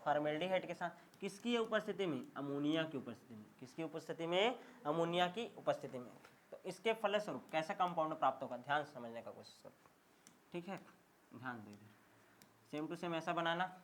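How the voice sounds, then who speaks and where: Man, chemistry teacher, classroom lecture, emphatic, repeats every question, fairly high voice. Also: lively intonation, fairly quick, slight background noise. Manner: call-and-response drilling, repeats questions and answers; emphatic, checks understanding often.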